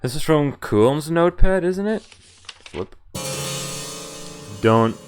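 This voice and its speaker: The woman streamer here has a low voice and takes it slowly, though she stays animated. She performs visual novel text expressively with casual, cursing asides mixed in, backed by the game's background music.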